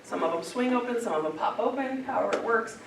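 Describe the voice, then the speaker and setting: A woman's voice: a little high, animated, fast, creaky. A woman trainer talking to bus drivers at a staff safety meeting, chatty and plain-spoken, often laughing. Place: meeting room. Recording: echoey room, mic at a distance, group audible. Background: audience of drivers.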